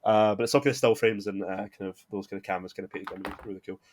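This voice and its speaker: A man's voice: lowish voice, steady tone, racing, a little hiss or hum. A man hosting a podcast in casual chat, rambling with lots of filler words and restarts. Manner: rambling, heavy filler words, self-correcting. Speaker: podcast host.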